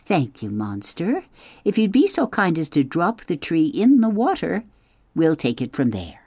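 A reader voicing a practical, sharp-tongued female beaver who scolds her husband. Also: medium pitch, huge pitch swings, no echo, clean studio sound, pitched above the performer's own voice, full character voice. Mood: scolding. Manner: brisk, scolding.

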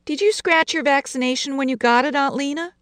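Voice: high voice, fairly quick, a bit bright, no room sound, studio quality, voice pushed up. A storyteller voicing a shy, bookish little girl asking earnest questions.

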